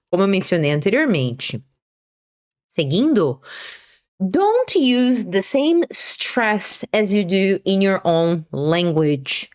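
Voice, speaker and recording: A woman giving an online English lesson, didactic and slowing down to stress key words. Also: medium pitch, no room sound, muffled recording. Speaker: English teacher.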